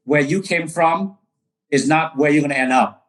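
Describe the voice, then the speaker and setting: A man's voice: a little high, normal speed. Man, broker guest, earnest storytelling, lots of fillers. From Vietnam. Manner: earnest, many fillers and restarts. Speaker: guest, real estate broker. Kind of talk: casual interview storytelling.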